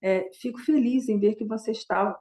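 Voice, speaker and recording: A woman voicing a friendly lay benefactor who greets a monk in a warm, chatty way. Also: a little high, moderate pace, natural voice.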